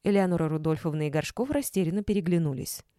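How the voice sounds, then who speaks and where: A woman narrating a story in the first person, snapping out her character's sharp retorts. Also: on the low side, expressive, fast talker, dry recording, clean studio sound. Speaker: audiobook narrator. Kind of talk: scripted narration.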